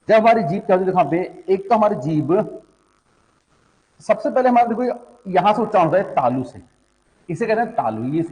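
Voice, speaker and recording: Guy teaching a class, high voice, keeps repeating himself, long reverb behind him. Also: a little mellow. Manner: repeats phrases, fills with "ठीक है" and "देखो". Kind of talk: classroom lesson explaining a diagram. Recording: long echo in a hall.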